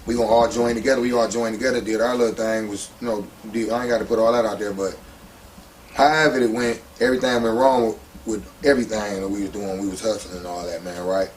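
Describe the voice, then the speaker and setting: Low-voiced man telling his street story. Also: steady tone, fast, recorded from a distance, slight background noise, poor audio. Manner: slangy, street talk with many fillers. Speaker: interviewee. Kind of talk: casual storytelling interview.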